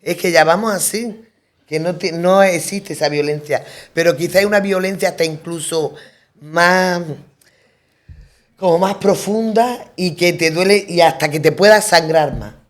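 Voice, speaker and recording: A woman's voice: lowish voice, a little slow. A middle-aged woman, a guest on a radio talk show, telling a story in conversation and acting out the lines of the people in it, with frequent restarts and emphatic repeats. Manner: lively storyteller who acts out quoted dialogue; rambling, with restarts and emphatic repetitions. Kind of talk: round-table conversation, anecdote telling.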